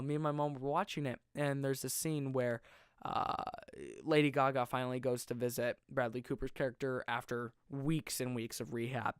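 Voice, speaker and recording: A young man hosting a podcast, reviewing a film in a casual, rambling, excitable way and often correcting himself mid-sentence. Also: medium pitch, clear, resonant tone, no room sound, studio quality. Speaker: podcast host.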